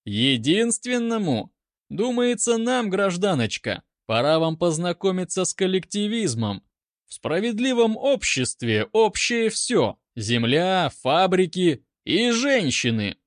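A man's voice: high voice, sing-song, measured pace, pitched above the performer's own voice. A man voicing a swaggering revolutionary commissar who barks slogans and declaims with mock irony. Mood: mock ironic. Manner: barking, declamatory, mock-ironic.

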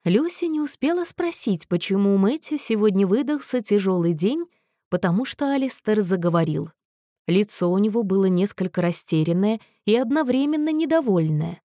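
A woman narrating an audiobook in an even, measured storytelling manner. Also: medium pitch, no echo, clean studio sound. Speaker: audiobook reader. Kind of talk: scripted narration.

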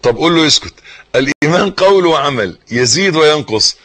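A man with an Egyptian accent preaching a sermon, teaching by repeating phrases and putting questions to his listeners, rising to emphatic bursts and then sinking to hushed words. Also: a little high, expressive, brisk. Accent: Egyptian Arabic. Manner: swings between raised emphasis and soft, hushed phrases.

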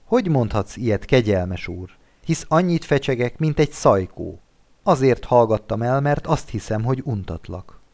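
A proud, self-pitying aging woman in a storybook, voiced by a man who reads the tale, her voice lifted high and plaintive. She sounds weary and injured, then turns stern. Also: animated, creaky, darkish tone.

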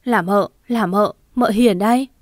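A woman's voice: a little high, animated, normal speed, dry recording, clean studio sound, lightly acted. A woman storyteller voicing the tearful, pleading spirit of a young mother, in a choked, sobbing voice. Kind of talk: audiobook story reading.

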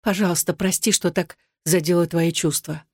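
A reader voicing a gentle young wife who pleads in soft, tearful whispers, in an audiobook. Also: female voice, fairly low pitch, fairly even intonation, moderate pace, breathy edge, no room sound, studio quality. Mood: tender. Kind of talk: audiobook dialogue.

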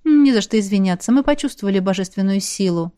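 Calm dry demoness lady as a woman reads her, caring but matter-of-fact, fantasy audiobook. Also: medium pitch, quick pace, lightly acted.

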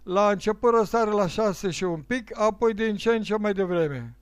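A male reader voicing a woman in her thirties with a thin voice and an irritable temper, lifting his pitch a little for her lines in a read-aloud story. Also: clean tone, no room sound, natural voice. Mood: calm.

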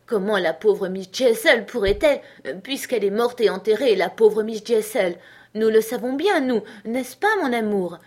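A woman reading an audiobook, voicing a kindly, anxious older woman housekeeper who pleads in a soothing, hushed way. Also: high-pitched, moderate pace, few pauses, voice pushed up. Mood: pleading, soothing.

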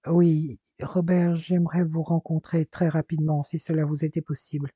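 A man's voice: a little high, flat delivery, moderate pace, mellow, breathy edge, no room sound, highs cut off. A man reading a worried, polite young woman. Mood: urgent, polite. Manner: polite, formal, pleading.

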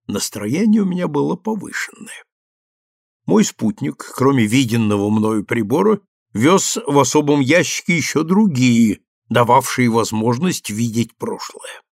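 A man reading a story aloud as a narrator, in a measured, expressive storytelling manner. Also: medium pitch, vocal fry, dry recording, clean studio sound. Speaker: audiobook narrator. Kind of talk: scripted narration.

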